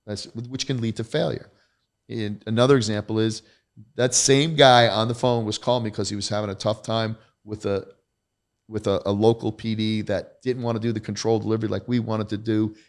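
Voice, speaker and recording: A man's voice: fairly low pitch, level tone, a little fast. A middle-aged man, a podcast guest, telling stories from his career in a blunt, emphatic, self-deprecating way. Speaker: podcast guest, retired federal agent. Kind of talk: candid conversational storytelling.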